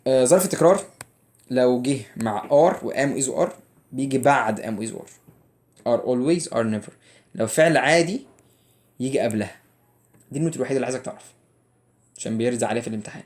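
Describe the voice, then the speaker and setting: A man's voice: medium pitch, darkish tone. A young man with an Egyptian Arabic accent teaching an English lesson, joking and teasing his students and drilling each rule over and over. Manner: jokey, teasing, drills rules by repetition. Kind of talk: playful exam-prep lesson.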